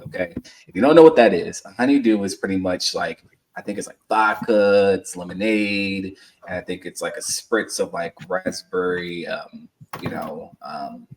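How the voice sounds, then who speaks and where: A man in his thirties co-hosts a casual sports podcast, telling rambling stories full of fillers in a low voice at a normal speed. The mic is distant and the audio poor.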